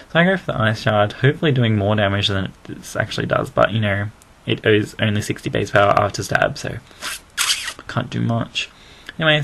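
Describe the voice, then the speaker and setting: A man's voice: mid-range voice, gravelly, a bit bright. A man with an Australian accent giving casual, rambling, self-deprecating commentary over a video game battle, recorded on a built-in laptop mic.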